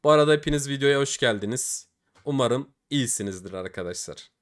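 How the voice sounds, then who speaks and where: Speaking briskly and with animation at a medium pitch, a young case-opening streamer comments casually as he goes. He keeps begging for better results and groaning when they disappoint.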